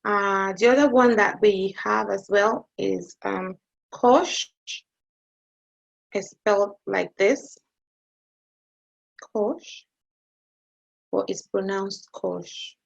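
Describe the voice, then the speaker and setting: Woman, maths teacher, slow, gravelly, hesitant, dull lo-fi online lesson audio. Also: medium pitch, fairly even intonation. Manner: hesitant, checks in with "okay?" often.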